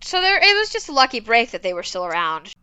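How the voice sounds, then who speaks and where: Young woman, podcast co-host, bright voice, upbeat, casual quick replies. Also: a little high, big pitch swings, smooth, no room sound, lo-fi sound. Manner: quick reactions, laughing agreement. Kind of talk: casual chat.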